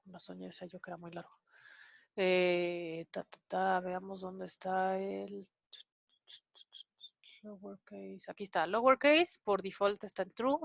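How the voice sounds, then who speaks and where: A woman's voice: mid-range voice, moderate pace, creaky, no room sound. Woman instructor, patient step-by-step coding walkthrough, filler-heavy, dry and dull lo-fi audio. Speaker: programming instructor. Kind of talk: online coding lesson walkthrough.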